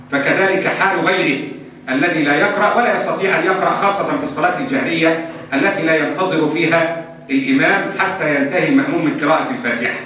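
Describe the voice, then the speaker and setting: A man's voice: a little high, pushed and bright. A man with an Egyptian accent answering religious questions in a lesson, emphatic and mixing formal and colloquial speech. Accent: Egyptian Arabic. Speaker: Islamic scholar answering questions. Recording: echoey hall from far off, faint hum.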